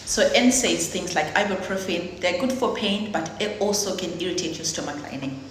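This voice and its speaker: A woman nurse with a Nigerian accent explaining health tips in a lively, emphatic way. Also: on the low side, moderate pace. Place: lecture room. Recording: echoey lecture hall with faint noise.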